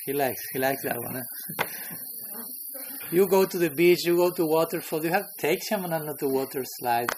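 Brief: man with a slightly high voice teaching scripture, chuckly, asks the room questions, faint hiss behind. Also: moderate pace. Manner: chuckling, checks in with listeners. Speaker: spiritual teacher. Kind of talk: scripture class.

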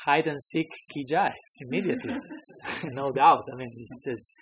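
A man's voice: mid-range voice, normal speed, a little hiss or hum, low-quality recording. A man teaching a scripture class, who chuckles often and keeps checking in with his listeners. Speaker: spiritual teacher.

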